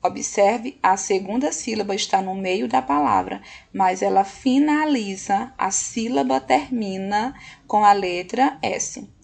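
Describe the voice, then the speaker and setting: A woman teaches a recorded lesson in a patient, unhurried way, checking in with her students as she goes. Her voice is strongly gravelly with a husky, breathy edge. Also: medium pitch, darkish tone. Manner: patient, slow, often checks in with "ok?".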